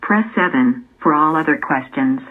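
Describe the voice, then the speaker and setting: A woman reading recorded phone menu options in a measured way. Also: low-pitched, expressive, slightly rough. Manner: measured, spells out letters. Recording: tinny phone line.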